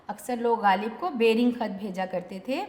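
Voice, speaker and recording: A woman's voice: a little high, darkish tone. A woman teaching an online exam-prep lesson, addressing students as children and asking and answering her own questions. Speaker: Urdu teacher. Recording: echoey hall sound.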